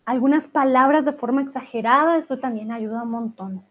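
A woman teaching Spanish in a live class, answering viewer chat and laughing often. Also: high-pitched. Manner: laughs often, speaks slowly and clearly. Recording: tinny phone-like sound.

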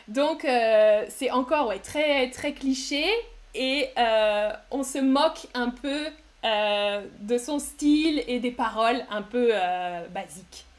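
A woman teaching on a casual live stream, talking slowly and clearly with many pauses and fillers. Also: fairly high pitch. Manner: slow and clear, with many "euh" fillers, sings song excerpts. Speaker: French teacher streaming to learners.

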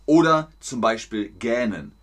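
A man teaching a German lesson on a stream, speaking slowly and clearly, repeating words for learners and adding lively sounds and laughs. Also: mid-range voice.

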